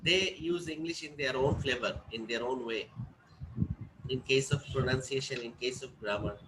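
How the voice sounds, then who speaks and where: A man's voice: mid-range voice, moderate pace. A man teaching an English class, explaining step by step and often checking whether students follow. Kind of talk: classroom lecture. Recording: noisy classroom recording.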